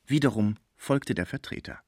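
A man narrating an audiobook in a measured, even reading. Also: on the low side, dry recording, studio quality. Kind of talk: scripted narration.

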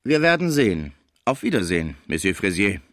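A man voicing an agreeable male justice of the peace in a calm, comradely way. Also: sits low, brisk, no echo, clean studio sound.

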